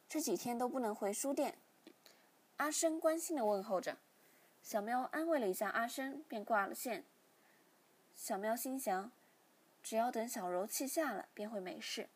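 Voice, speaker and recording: A woman reading a story aloud, in steady, plain narration with a breathy voice. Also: fairly high pitch.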